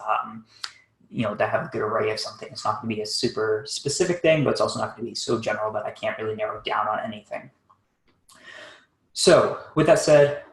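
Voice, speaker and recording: A man giving a live SEO site audit on a webinar, talking quickly and casually while thinking aloud, with plenty of fillers. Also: lowish voice, a bit bright, reverberant, rough recording. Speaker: SEO consultant.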